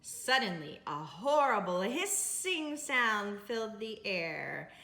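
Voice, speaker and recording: In an echoing, roomy indoor setting, a woman leading library storytime reads a picture book to children. Her mid-range voice is sing-song, slow and pushed bright, and she mixes dramatic reading with friendly remarks to her young audience.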